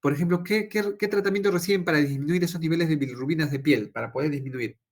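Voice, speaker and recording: A man's voice: on the high side, fast. A young adult man, a doctor teaching a physiology class, tells a personal story and quizzes his students, ending many phrases with "¿no?". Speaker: physiology lecturer and intensive care doctor. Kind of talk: informal lecture with personal anecdote.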